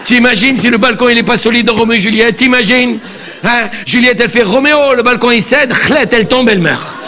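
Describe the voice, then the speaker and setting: A man's voice: extremely high pitch, a little fast, sharp tone. A man playing a chatty bossy old grandmother. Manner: chatty, repeats words, scolds the audience. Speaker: comic stage character. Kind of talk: live stand-up character comedy. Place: theatre stage.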